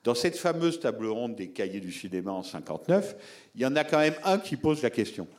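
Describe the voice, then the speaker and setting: A man's voice: medium pitch, very animated, a little fast, darkish tone. Emphatic man lecturing on film. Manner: explanatory, emphatic, addresses listeners directly. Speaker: film lecturer answering audience questions. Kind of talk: public talk with audience discussion.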